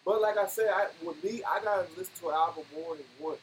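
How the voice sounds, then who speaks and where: Quick high-voiced man chatting. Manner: slangy, repeats himself. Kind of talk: casual chat. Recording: noisy room recording.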